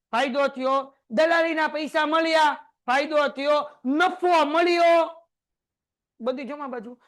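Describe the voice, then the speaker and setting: A man with a Kathiawadi Gujarati accent teaching an accounting class in a classroom, firing quick questions at his students. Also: very high voice, a bit bright. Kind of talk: lively classroom lecture. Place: classroom with a board.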